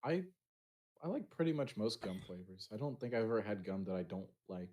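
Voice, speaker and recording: A young man with a fairly low voice joins a casual group chat. He hesitates, stumbles and restarts his sentences as he works out what he thinks. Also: lively intonation, a little fast, darkish tone.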